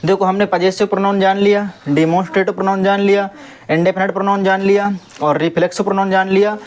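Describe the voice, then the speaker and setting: A man's voice: high voice, flat delivery, quick pace. Young man teacher, classroom grammar lesson, asks the pupils questions then answers them himself, scolds the noisy kids. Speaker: English teacher.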